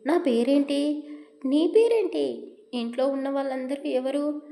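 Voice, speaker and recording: A woman voicing a bewildered young woman in a storybook romance, asking slow, wondering questions. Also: high voice, vocal fry, warm tone, reverberant. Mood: dazed.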